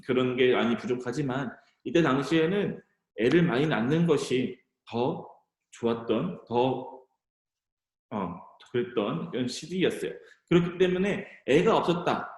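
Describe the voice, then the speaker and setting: Animated male youth preacher in echoey hall. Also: mid-range voice. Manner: animated storytelling, addressing teens directly. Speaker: youth pastor. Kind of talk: youth sermon. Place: church.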